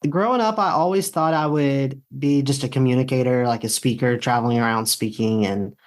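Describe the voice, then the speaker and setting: A young man from South Georgia, a guest on a podcast, telling his story in a relaxed, good-humored way. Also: mid-range voice, a little fast. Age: young adult. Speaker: guest, author and speaker. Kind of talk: casual interview.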